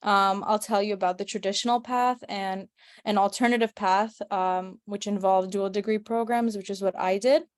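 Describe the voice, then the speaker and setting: A young woman in her twenties gives a webinar talk over a video call. Her voice stays flat and level, at a middle pitch. She speaks politely and fills many pauses with "um", and the sound is dry. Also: no echo. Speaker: medical student presenter. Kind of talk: webinar presentation.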